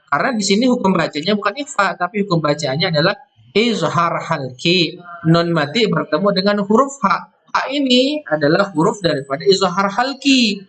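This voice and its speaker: A man teaching Quran recitation rules, explaining step by step and slowly chanting verse words before each explanation. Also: sits high, animated, a bit bright. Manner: explains step by step, often ending with "ya".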